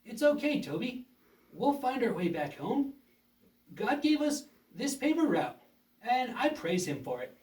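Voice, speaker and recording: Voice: medium pitch, big pitch swings, a little slow, darkish tone. A performer voicing a cheerful, trusting young boy puppet who speaks reassuringly and a little hesitantly in a children's show. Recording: roomy echo, distant mic.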